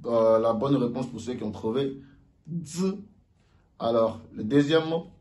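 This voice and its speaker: A man giving a casual video lesson on Mandarin sounds, slowly repeating each sound aloud for learners. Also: medium pitch, a little mellow. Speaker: Mandarin teacher.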